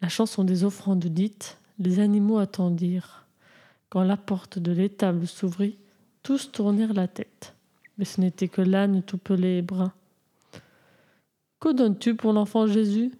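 A woman reading a Christmas storybook aloud in a measured, gentle way. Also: medium pitch, flat delivery.

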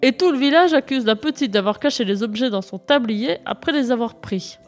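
A stern village police sergeant gives firm orders in a storybook tale, read by a woman. The voice is highish and commanding. Soft music runs underneath. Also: animated, a little fast, lightly acted. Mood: formal.

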